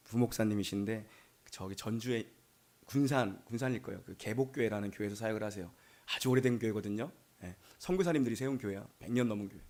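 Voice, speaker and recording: A man's voice: on the low side, fast, darkish tone. A male pastor from Gyeonggi Province giving a Sunday sermon in a chatty storytelling way, acting out bits of dialogue. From Gyeonggi Province, Korea.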